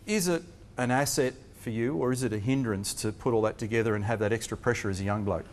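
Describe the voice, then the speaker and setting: A man's voice: medium pitch, quick pace. An Australian man hosting a televised motorsport interview, upbeat and joking as he presents. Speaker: TV motorsport host. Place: racing team workshop.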